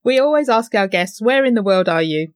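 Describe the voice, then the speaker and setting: A woman's voice: medium pitch, lively intonation, a little fast, smooth. A woman hosting a podcast, introducing and questioning a guest. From Essex, England. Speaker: podcast host. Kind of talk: scripted introduction and interview hosting.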